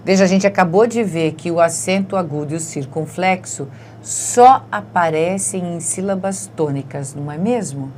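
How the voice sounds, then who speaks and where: A woman's voice: fairly low pitch, normal speed, darkish tone, slight background noise. A woman with a Brazilian Portuguese accent teaching an exam-prep grammar lesson, explaining step by step and checking in with her students after nearly every point.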